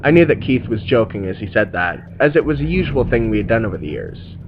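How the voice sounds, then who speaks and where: A man reading a horror story aloud in measured scripted narration. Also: on the low side, very animated, dull audio, slight background noise.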